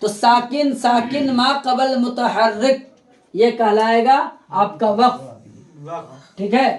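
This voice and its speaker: A male teacher with an extremely high, steady voice moves slowly through a grammar lesson, repeating terms and quizzing his students. He's in a classroom with a board, and the sound is echoey.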